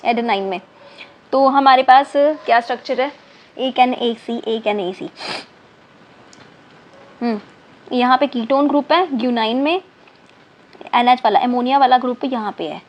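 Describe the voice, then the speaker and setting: A woman's voice: on the high side, a little slow, pauses often, rough recording. A woman teaching an online chemistry class, counting aloud, spelling out words letter by letter and repeating terms, often mixing in English words and checking in with her students. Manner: mixes in English terms and checks in with "thik hai na". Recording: faint background noise.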